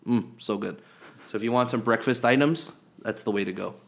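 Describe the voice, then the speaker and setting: A man's voice: mid-range voice, fairly quick, creaky. A man co-hosting a sports podcast in casual chat, rambling and chatty with many fillers and restarts. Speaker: podcast co-host.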